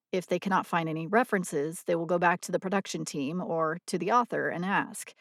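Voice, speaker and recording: A woman narrating a scripted audio blog in a measured, explanatory reading voice on a close mic. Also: fairly low pitch, dry recording.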